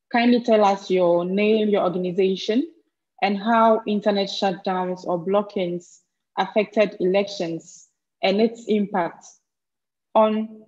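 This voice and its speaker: A woman's voice: medium pitch, a little mellow. A woman moderating an online briefing, reading a scripted introduction over a video call. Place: small indoor room. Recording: dull lo-fi video call audio.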